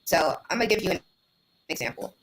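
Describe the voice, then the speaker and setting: A young man talking casually on a video call, his audio breaking up and glitching, in halting speech full of fillers. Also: high-pitched, expressive, a bit bright, a little hiss or hum, low-quality recording. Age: young adult. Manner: halting, many fillers and restarts. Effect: choppy, glitching call audio. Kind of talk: casual talk.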